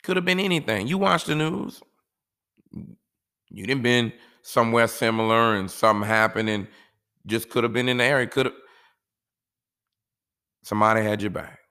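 A man's voice: mid-range voice, moderate pace, long pauses, pushed and bright, clear, resonant tone. A man talking casually and giving life advice in a laid-back, rambling way, often saying "you know".

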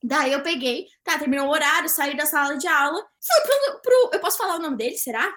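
A young woman, a podcast guest, telling a story in casual chat, animated, acting out the dialogue and laughing often. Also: sits high, a little fast.

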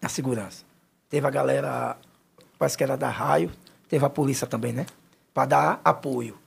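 Storyteller, gravelly and husky, easygoing. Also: medium pitch, fairly even intonation, moderate pace. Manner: agreeable, chimes in often. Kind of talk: casual chat, storytelling.

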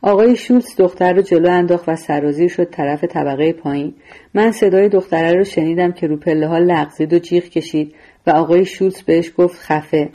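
A woman narrating a novel in a steady, measured reading voice. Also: on the low side. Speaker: audiobook narrator. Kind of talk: scripted storytelling narration.

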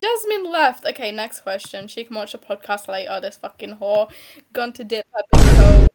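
A woman's voice: mid-range voice, steady tone, moderate pace, mellow, slight background noise. A young woman co-hosting a casual online chat, crude and joking and swearing freely over voice chat. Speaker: podcast co-host.

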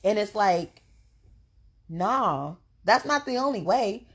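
A young adult woman co-hosting a casual podcast chat, talking in an animated, emphatic way. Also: mid-range voice, slow. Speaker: podcast co-host.

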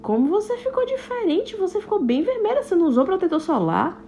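A clever little boy bee, as a woman storyteller puts him on, quick to doubt and to crow when he is right. His lines swing high and low with a gravelly grain. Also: big pitch swings, mellow, slight background noise, full character voice. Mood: suspicious. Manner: questioning, teasing, triumphant. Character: clever, suspicious young male bee.

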